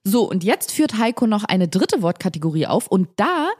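A woman co-hosting a casual podcast, animated and chatty as she reads out listener mail. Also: medium pitch, moderate pace, slightly rough. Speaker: podcast co-host. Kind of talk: casual chat.

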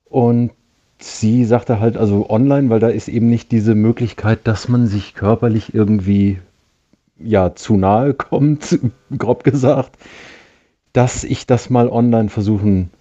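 A man's voice: lowish voice, fairly even intonation, a little slow, dark tone. A man calling in to a live show over a phone line, hesitant and searching for words. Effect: call-in voice over a phone line. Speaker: caller. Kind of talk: call-in chat on a live show.

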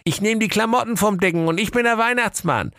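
A man's voice: high-pitched, brisk, bright, forceful tone, dry recording, clean studio sound, voice pushed up. A man voicing a sly, bossy big bad wolf, snappy and impatient, in a comic storybook reading. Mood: bossy scheming.

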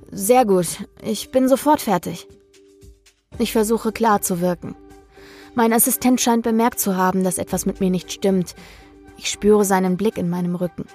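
A woman narrates a first-person horror tale in a measured, brooding way, her voice sitting at an ordinary middle pitch. Faint music plays underneath the reading. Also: darkish tone.

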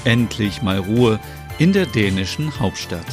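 A man's voice: fairly low pitch, animated, unhurried, music in the background. A man giving scripted narration of a comedy audio series in a matter-of-fact announcing manner.

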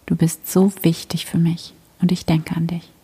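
A woman guiding a prayer meditation in a soft, breathy whisper, gentle and soothing. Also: lowish voice, monotone, moderate pace.

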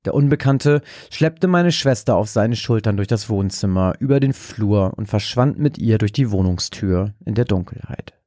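A man narrating a dark horror story in a slow, measured way. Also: lowish voice, expressive, no echo, studio quality. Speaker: podcast host and story narrator.

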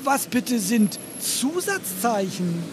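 Performer playing Kasper, an excitable questioning puppet for a kids' audio play, bouncy and expressive. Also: mid-range voice, slow pace, noisy background. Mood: eager. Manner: curious, asks many questions. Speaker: puppet character.

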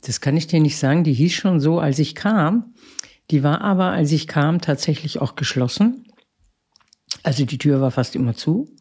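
Nurse lady in her 50s, gravelly and kinda dark voice, plain matter-of-fact, lots of ums. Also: low-pitched. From Austria. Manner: matter-of-fact, with frequent hesitations. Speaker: head nurse of a psychiatric crisis ward. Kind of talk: casual interview answers.

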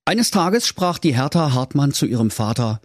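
A man's voice: medium pitch, big pitch swings, normal speed, dry recording, clean studio sound. Mock-solemn male fairy-tale narrator. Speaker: storyteller.

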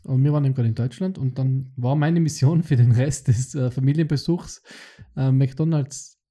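Podcast co-host, Austrian man, very mellow dark tone, loose rambling storyteller. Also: mid-range voice, normal speed. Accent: Austrian German. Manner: rambling, frequent fillers and self-corrections, laughs at own story. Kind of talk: casual anecdote telling.

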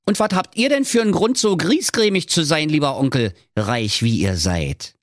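A man voices a cheerful, gushing young nephew in a natural-sounding voice pitched above his own, high-leaning and animated at a normal pace. It's recorded clean in a studio, with no room sound.

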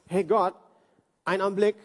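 A man's voice: high voice, fairly even intonation, normal speed. A man voicing a frustrated young man who doubts and pleads, in a casual modern retelling. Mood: complaining. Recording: reverberant hall.

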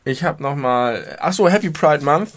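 A man's voice: a little high, animated, moderate pace. A man co-hosting a podcast, chatting casually and joking while he nitpicks word stress. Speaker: podcast co-host. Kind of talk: casual chat.

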